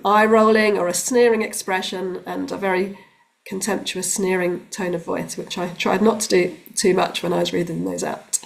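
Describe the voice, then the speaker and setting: A woman working as a relationships coach, giving calm, explanatory advice straight to the camera with the odd um. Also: medium pitch, vocal fry. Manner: calm, explanatory, with occasional ums. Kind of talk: direct-to-camera advice talk.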